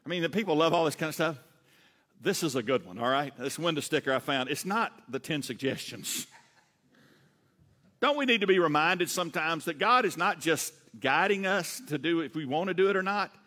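A man in his late fifties with a Southern US accent, a pastor preaching a sermon fast and animated, asking the congregation questions. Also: a little high, long reverb tail. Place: church sanctuary.

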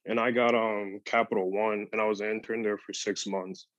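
A young man speaking as a podcast guest in casual chat, relaxed and full of "like" and "um". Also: on the low side, moderate pace, no room sound. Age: young adult. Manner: relaxed, lots of "like" and "um". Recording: dull lo-fi dry sound.

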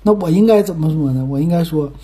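A man from Northeast China hosts his podcast in loose, folksy chat, tossing out rhetorical questions as he goes. His voice is husky and mellow, with a Northeastern Mandarin accent. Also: on the high side, fast. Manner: chatty, folksy, musing aloud with rhetorical questions. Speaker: podcast host. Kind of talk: casual chat.

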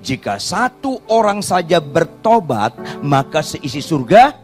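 Animated preacher, shouting then hushed. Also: male voice, a little high, a little slow, soft background music. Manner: animated, swings from shouts to near-whispers. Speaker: pastor. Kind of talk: sermon.

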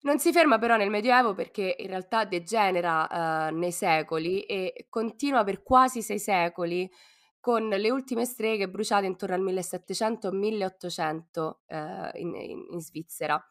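A woman with a hoarse, cough-worn voice co-hosts a podcast, talking informally and playfully with plenty of slang. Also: medium pitch, normal speed. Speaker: podcast co-host. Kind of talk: casual podcast talk.

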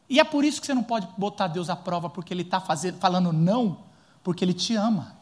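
A middle-aged Brazilian man preaching a sermon as pastor, animated and rhetorical, acting out quotes and family anecdotes. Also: high-pitched, fast. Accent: Brazilian Portuguese.

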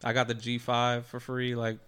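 A man's voice: mid-range voice, monotone, normal speed, a bit bright, smooth. A man from New co-hosting a casual podcast, telling rambling stories in a laid-back way. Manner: laid-back storyteller, rambling with fillers and restarts. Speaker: podcast co-host. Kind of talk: casual chat.

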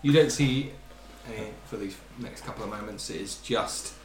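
A man's voice: fairly low pitch, moderate pace, echoey room, slight background noise. A man narrating a tabletop game as game master, easygoing and correcting himself as he goes. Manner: easygoing, self-correcting narration with frequent throat clearing.

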